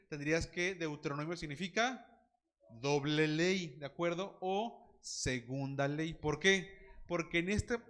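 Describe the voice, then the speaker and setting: A man teaching a Bible class, quizzing students by name and joking with them. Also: a little high.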